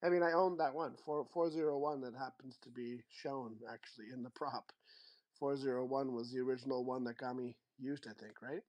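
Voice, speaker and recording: A man's voice: medium pitch, fairly quick. Laid-back rambling male host. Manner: relaxed, rambling, trails off and restarts. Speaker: show host. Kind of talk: casual livestream chat.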